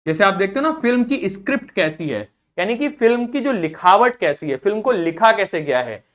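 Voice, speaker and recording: A man with a high-pitched, sharp voice teaches English vocabulary in a classroom-style recorded lesson. He explains in Hindi with English terms mixed in, drilling pronunciation by repeating each word and quizzing his listeners.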